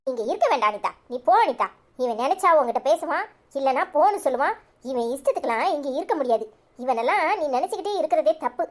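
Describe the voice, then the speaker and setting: A woman's voice: sits high, animated, fast. A woman voicing a harsh, scolding second wife in a cartoon, speaking curtly with a Tirunelveli Tamil accent. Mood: cold. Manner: curt, scolding.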